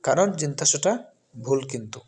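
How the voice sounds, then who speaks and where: A man, who comes from Bangladesh, teaching a lesson. He talks slowly and repeats each sound with careful stress. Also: mid-range voice, animated, darkish tone, breathy edge. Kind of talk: spoken lesson.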